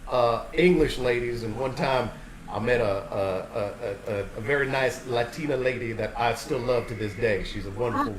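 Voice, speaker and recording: A man from Austin, Texas, playing a smooth-talking, shady movie boss in an improvised film-noir comedy scene, flattering and overly reassuring. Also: medium pitch, normal speed, lightly acted. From Austin, Texas, USA. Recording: roomy sound with faint background noise.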